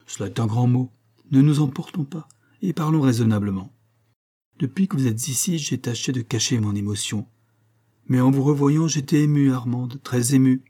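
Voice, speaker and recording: A man's voice: medium pitch, moderate pace, warm tone, husky, natural voice. A man reading the part of a bitter, middle-aged husband come back after being thought dead, speaking in a hard, commanding and cynical way. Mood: pleading. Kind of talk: audiobook character reading.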